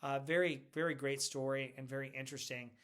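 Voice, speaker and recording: A man's voice: mid-range voice, fairly even intonation, a little fast, a bit bright, clear, resonant tone. A middle-aged man hosting a casual pop culture video, chatty and rambling, laughing often as he talks. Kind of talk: casual movie retrospective talk.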